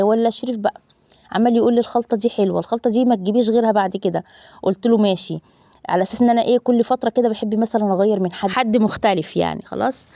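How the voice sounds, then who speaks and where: A family vlogger, a woman in her thirties with an Egyptian Arabic accent, narrates her cooking while chatting casually to viewers, calling them loved ones and using lots of fillers. Her mid-range voice is warm, recorded dry with studio quality.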